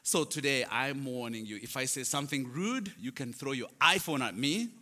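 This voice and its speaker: A Ugandan man, for whom English is a fourth language, gives a personal testimony to a congregation as a charity's guest speaker, using storytelling and self-deprecating humour. His mid-range voice is animated, sharp and at normal speed, with a little hiss or hum and long hall reverb.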